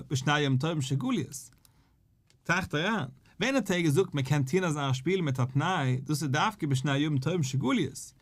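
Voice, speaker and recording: Yiddish-accented rabbi giving a talmud shiur, kinda high voice, lively, acts out the arguments. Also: male voice. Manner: animated, acts out questions and answers between sages. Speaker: rabbi teaching a daily Talmud class.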